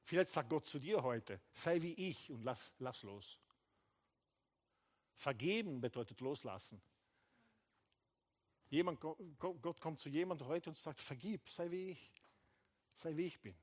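Animated German-speaking male pastor preaching. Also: on the high side, unhurried, long pauses. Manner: animated, mixes English phrases into German, acts out dialogue. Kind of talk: sermon. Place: church hall.

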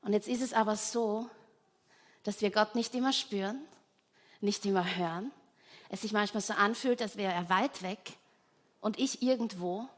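Eine Frau predigt ernst und eindringlich und spricht die Zuhörer direkt an. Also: female voice, mid-range voice, moderate pace, pauses often. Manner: earnest, emphatic, addresses listeners directly. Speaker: preacher. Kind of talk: sermon.

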